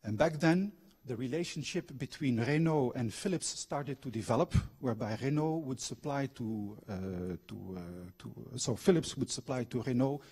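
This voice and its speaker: A middle-aged guest lecturer speaks at normal speed in a mid-range voice, a little mellow with a breathy edge. Belgian by origin and raised abroad, the former factory manager and trained coach engages his university lecture hall audience with questions and personal anecdotes.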